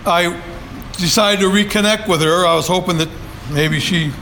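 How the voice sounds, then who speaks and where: Holding a mic in a meeting room, an older man shares his story at a recovery meeting in a rambling, folksy manner laden with fillers. His high voice sounds pushed and bright, at a moderate pace, with slight background noise.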